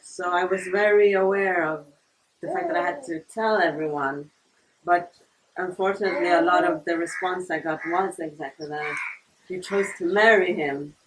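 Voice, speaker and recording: A woman's voice: lowish voice, moderate pace. A woman in her forties, from Tanzania and raised in Sweden, answering interview questions in a hesitant, reflective way with many fillers. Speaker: interview guest. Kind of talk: casual interview. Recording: distant mic with noisy background.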